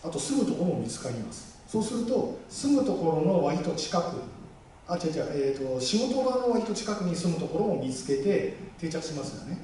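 A man addresses a live crowd in a big public hall, talking fast and jokily and acting out the voices he quotes. His pitch swings widely and sits a little high. The sound is heavily reverberant, with faint room noise behind him. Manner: animated, jokey, acts out quoted voices. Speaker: guest speaker at a campaign rally. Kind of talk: public speech to a live audience. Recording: echoey hall, mic far off.

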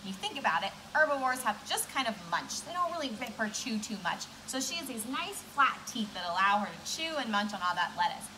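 A woman's voice: a little high, big pitch swings, brisk, few pauses, background noise. A woman in her twenties speaking as a cheery zookeeper, explaining things simply in an educational keeper talk for children. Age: 20s. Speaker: zookeeper presenting animal talks at a children's science center. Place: indoor room beside a reptile tank.

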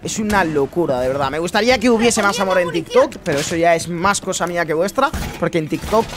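A young man from Spain with a Spanish accent, chatting excitedly and casually to viewers while commentating his own gameplay. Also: sits high, fast talker. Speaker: gaming YouTuber. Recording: noisy with game sound. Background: game sounds.

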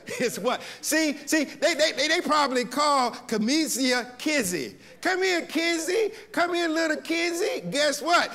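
High, bright pastor preaching. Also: male voice, gravelly. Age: older. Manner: preaching with a sung, whooping cadence, addressing "y'all". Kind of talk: sermon.

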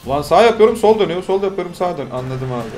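A young man casually commenting while playing a video game, with loud excited outbursts and shrieks. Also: high voice, rapid-fire, faint music behind. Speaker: gaming streamer. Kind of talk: casual let's-play commentary.

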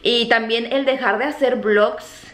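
In an echoey home kitchen with a faint background hum, a Mexican woman in her thirties chats to a camera close to her face. Her voice runs on the high side and a little slow, and her Mexican Spanish accent is softened toward neutral. She gestures animatedly as she talks, with many fillers and repeated words.

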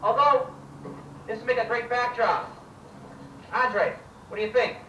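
A man's voice: very high voice, fairly even intonation, a little slow, pushed and bright, echoey room, far from the mic, slight background noise, heavily acted, poor audio. An actor playing a brash, foul-mouthed male TV show host in a video game, bossy and profane. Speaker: game character.

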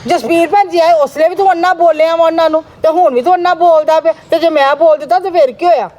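A woman playing a sharp-tongued aunt in a family skit, lecturing and scolding with quick retorts. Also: very high voice, fairly even intonation. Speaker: aunt Manju scolding the son. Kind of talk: amateur family skit acting. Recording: faint background noise.

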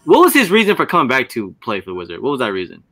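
A man chatting on a video call in a casual group conversation, animated and chatty, often jumping in with questions. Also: medium pitch, rapid-fire.

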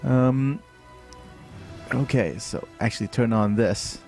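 A young Thai man with a light accent streams a game and explains it live, his speech full of fillers and restarts. His voice is medium-pitched, slow, gravelly and darkish, with soft music in the background.

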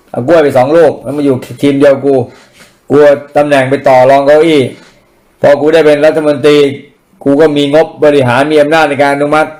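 A man's voice: on the high side, darkish tone. A man giving blunt, profane political commentary in casual rant style, mocking and crude.

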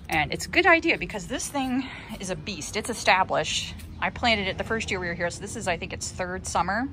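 A woman in her thirties, a gardening vlogger, shows viewers around her garden in a chatty, easygoing way, recording outdoors on a handheld phone and adding cheerful remarks. She talks briskly and expressively in a mid-range voice. Outdoor ambience is audible.

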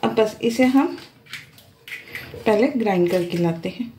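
A woman hosting a home cooking tutorial, calmly explaining each step as she goes. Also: mid-range voice, a little slow, background noise. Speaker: cooking channel host. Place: home kitchen.

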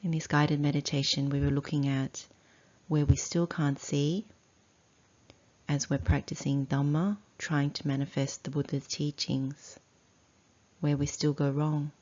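A slightly dull recording captures a woman guiding meditation in a low, mellow register, her delivery flat. She sets out brief phrases very slowly and deliberately, leaving long pauses between them as a teacher instructing a class would.

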